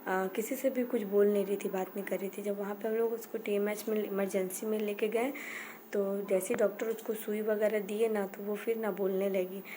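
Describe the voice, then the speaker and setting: A woman telling her family's story as a mother, in a halting way, circling back and repeating herself. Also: medium pitch, little pitch movement, dark tone, a little hiss or hum. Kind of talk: personal storytelling.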